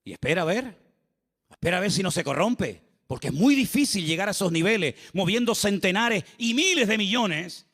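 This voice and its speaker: High-voiced pastor preaching in a reverberant church. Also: male voice, a little fast. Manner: animated preaching with rhetorical questions and asides. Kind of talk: sermon. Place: church sanctuary. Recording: long church-hall reverb.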